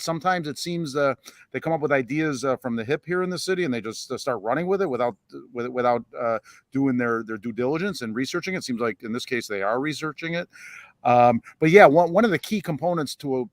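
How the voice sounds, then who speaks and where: A man co-hosting a local podcast, a lawyer and former police officer, speaking in a measured, halting way with frequent restarts. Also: mid-range voice, no room sound. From United States. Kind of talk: casual panel discussion.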